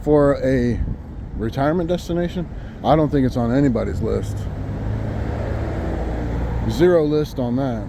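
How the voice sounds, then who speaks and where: A man's voice: medium pitch, a little slow, vocal fry, pauses often. An American man giving a casual, rambling walk-and-talk monologue as he muses informally outdoors on a city sidewalk. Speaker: vlogger. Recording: outdoor street with loud traffic noise. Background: passing cars and trucks.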